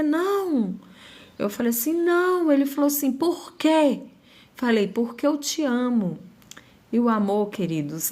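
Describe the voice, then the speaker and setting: Woman, mid-range pitch, warm conversational delivery of a faith testimony, keeps checking in with listeners. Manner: conversational, often adding tag questions like "né?" and "sabe?".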